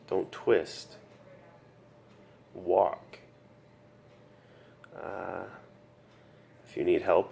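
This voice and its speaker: A weary, subdued man freshly out of surgery, earnestly giving advice in a casual video diary, halting and repeating himself, recorded in a hospital room. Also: deep voice, gravelly, dark tone. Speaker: patient sharing his recovery story. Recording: noticeable background room noise.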